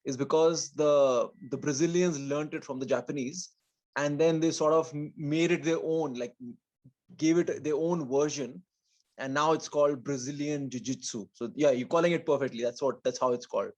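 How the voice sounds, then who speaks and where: A man's voice: fairly high pitch, normal speed, a little mellow. A man with an educated Indian English accent, answering as a podcast guest in a modest, conversational way and telling personal stories casually. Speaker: podcast guest, martial arts athlete.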